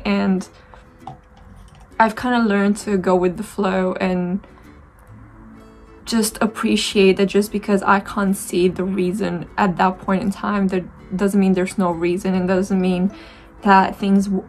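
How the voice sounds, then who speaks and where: Doing her makeup on camera, a beauty vlogger in her twenties from Romania talks in a relaxed, reflective way with a Romanian accent, full of fillers and restarts. Her throat is dry, and her medium-pitched voice barely shifts in pitch as she speaks unhurriedly over soft background music.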